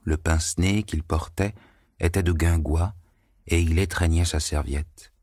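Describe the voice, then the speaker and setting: A man narrating a novel as an audiobook, reading in measured, even phrases. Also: low voice, no room sound, clean studio sound.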